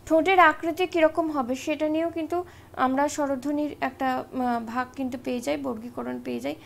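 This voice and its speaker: A woman's voice: high voice, fairly even intonation, quick pace, gravelly. A woman teaching an exam-prep grammar lesson, explaining step by step and often checking in with short tag questions.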